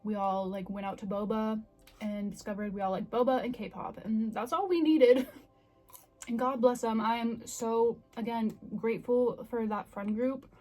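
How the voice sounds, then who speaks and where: High-voiced young woman chatting candidly. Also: steady tone, normal speed, darkish tone. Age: 20s. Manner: candid, self-reflective. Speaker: vlogger. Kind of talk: casual confessional chat to camera.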